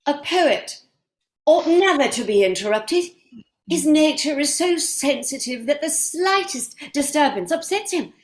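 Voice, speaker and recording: A woman's voice: high-pitched, expressive, unhurried. A woman playing a gushing, imperious society lady in a stage play reading, with an affected theatrical manner. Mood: gracious. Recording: echoey room.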